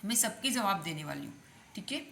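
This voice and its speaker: A woman with an Indian accent teaches spoken English in Hindi. She repeats the English model sentences slowly, several times over. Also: medium pitch, expressive, vocal fry, a bit bright, reverberant, a little hiss or hum.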